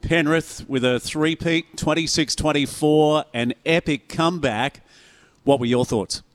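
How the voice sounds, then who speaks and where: A man's voice: fairly high pitch, measured pace. An Australian man hosting a sports radio interview, chummy and effusive, stretching key words for emphasis. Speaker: radio sports show host.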